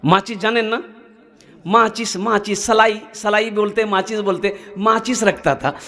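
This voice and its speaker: A man preaching from Kolkata with a high voice for a man, telling homely stories and returning to the same refrains. He speaks straight to the youths in his audience as he builds each point. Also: steady tone, a little slow, bright, forceful tone. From Kolkata, India. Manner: storytelling, repeating refrains, addressing youths directly. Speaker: Islamic preacher. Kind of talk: sermon with humorous anecdotes.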